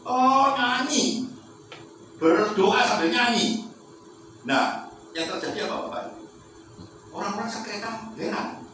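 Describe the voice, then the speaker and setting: A male preacher tells a story in an animated way during his sermon and keeps turning to the congregation with questions. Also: high voice, measured pace, pauses often, far from the mic, a little hiss or hum. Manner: animated, addresses the congregation often. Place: large echoey church hall. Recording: echoey hall, off-mic.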